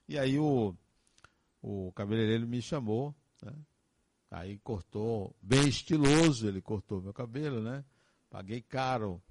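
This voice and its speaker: A man's voice: medium pitch, a little mellow, no echo. A man, speaking as a counselor in a reflective, earnest monologue full of advice and emphatic repetitions.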